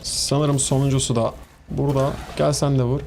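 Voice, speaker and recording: A mid-pitched man with a Turkish accent streams a game and keeps up loose, chatty commentary, scolding enemies and joking with his viewers. A faint hiss sits under his voice. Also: level tone, normal speed, vocal fry, a little mellow. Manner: chatty, talks to the game's enemies and to viewers, laughs easily. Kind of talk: casual gameplay commentary.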